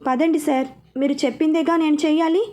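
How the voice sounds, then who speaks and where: Brief: hurt, sulky young woman, voiced by a female narrator, high mellow tone. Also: fairly even intonation, quick pace, lightly acted. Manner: sulky, pleading.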